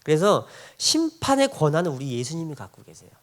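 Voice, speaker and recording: A middle-aged male pastor delivers a sermon in a high-pitched voice that leaps up and down with lively intonation. He preaches in a conversational, animated way, firing rhetorical questions at the congregation and chuckling between points. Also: a little fast.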